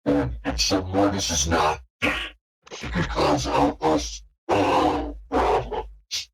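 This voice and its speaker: A man voicing a mysterious male schemer through a deep pitch-shifted voice changer, asking slow, insistent questions in a tabletop roleplay game. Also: noisy background, exaggerated voice. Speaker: game master.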